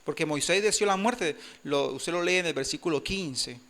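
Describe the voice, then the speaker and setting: A man preaches a lively sermon in a church and keeps drawing the congregation in. His voice sits high for a man and sounds bright and forceful. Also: moderate pace. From Colombia. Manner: animated preaching, asks congregation for amen. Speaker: pastor.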